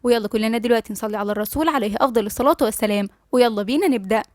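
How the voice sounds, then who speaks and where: An Egyptian woman reading a novel aloud in a brisk, friendly manner as host of her story channel. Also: fairly high pitch, dry recording, clean studio sound.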